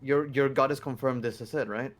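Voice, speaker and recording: A man playing a tabletop game, excitable and quick to exclaim. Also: medium pitch. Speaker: player. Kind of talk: casual tabletop game chat.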